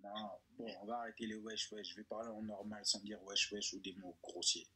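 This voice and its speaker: A man's voice: level tone, a little fast, sharp tone, slightly rough. Playful man with a French suburban accent. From Congo. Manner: playful, joking, jumps to a high voice for effect. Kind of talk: joking casual chat.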